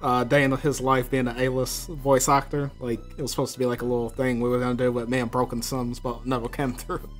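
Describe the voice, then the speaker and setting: A man's voice: medium pitch, flat delivery, brisk, hardly any pauses, faint music behind. A man hosting a casual podcast about voice acting, speaking in a laid-back way and giving plain advice. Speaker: podcast host.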